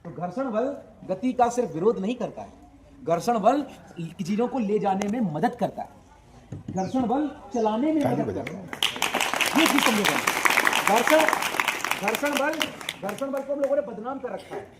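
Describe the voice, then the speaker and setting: A man's voice: sits high, moderate pace, very noisy. A man teaching a physics lesson. He asks his students questions, answers them himself, and stresses his points with energy. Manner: lively, emphatic explaining.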